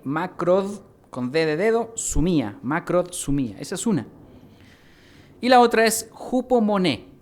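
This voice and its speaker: A male pastor from Mexico delivers a teaching sermon in a voice that sits a little high for a man. He spells out terms carefully and puts questions to his listeners. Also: a little mellow. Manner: teaching, spelling out words and asking the congregation. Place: church hall.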